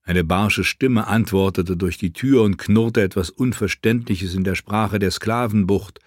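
A man's voice: lowish voice, a little slow, dry recording, studio quality. Man narrating a fantasy audiobook. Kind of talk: scripted narration.

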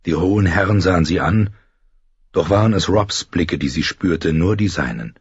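A man's voice: sits low, normal speed, slightly rough, dry recording. A man reading a story aloud in scripted audiobook narration, telling it expressively. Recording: dry, dull lo-fi audio.

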